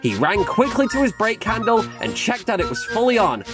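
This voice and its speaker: Man narrating a lively storybook. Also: sits high, fairly quick. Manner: expressive, storytelling. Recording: narration over loud music.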